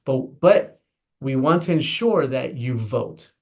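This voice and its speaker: A guest elections official from the United States walks through the voting steps in an interview. He talks slowly with lively intonation at a medium pitch, earnest and emphatic, often going back to repeat or restart what he's saying.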